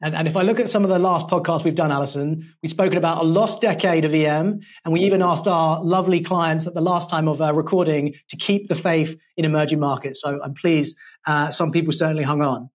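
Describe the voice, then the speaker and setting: A man's voice: a little high, fairly even intonation, a little fast. A man with a London accent hosting a corporate finance podcast in a studio, polished and playful in his wording. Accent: London English. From England. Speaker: podcast host.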